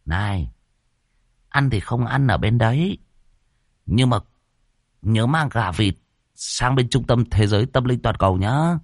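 A man's voice: medium pitch, expressive, measured pace, pauses often, no echo, studio quality. A man voicing a nervous, chatty old man who bursts into jumpy exclamations. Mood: nagging.

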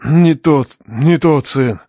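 A man's voice: mid-range voice, a little mellow, dry recording, studio quality, natural voice. A man voicing a cold, menacing father. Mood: commanding threat. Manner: cold, slow, commanding. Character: calm, menacing middle-aged father interrogating.

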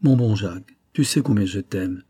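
Heard from a low, dark, husky voice, this is an earnest middle-aged banker, anxious and pleading, read by a man narrating a novel. He presses every word with emotion. The tone stays mellow and rough. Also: moderate pace. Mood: tender, pleading.

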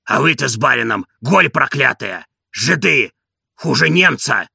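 A man voicing a hoarse, devoted old servant in an audiobook, indignant and boastful. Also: medium pitch, expressive, a little slow, sharp tone, dry recording, clean studio sound, heavily acted. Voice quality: gravelly, hoarse.

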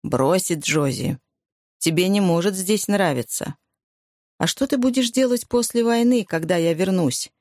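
A narrator voicing a gruff, domineering soldier husband who gives blunt orders in a dry recording. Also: medium pitch, a little slow, darkish tone, dry recording, close to an everyday voice.

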